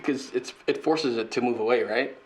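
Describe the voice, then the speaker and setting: A man's voice: mid-range voice, moderate pace. A man playing in a tabletop game, chatty and a little hesitant, describing his character's moves. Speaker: player. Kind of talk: casual tabletop play.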